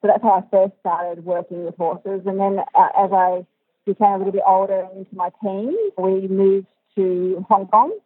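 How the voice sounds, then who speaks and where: A woman answering interview questions in a measured, thoughtful way, heard over poor, phone-like audio. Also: medium pitch, level tone, slightly rough, no echo. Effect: poor quality, phone-like audio. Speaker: interview guest, dressage coach and physiotherapist. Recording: muffled tinny dry phone line.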